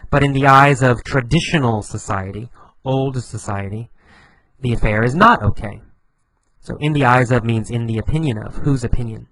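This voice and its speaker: A man teaching English vocabulary, explaining slowly and patiently, repeating phrases with lively emphasis. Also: medium pitch, no echo, poor audio.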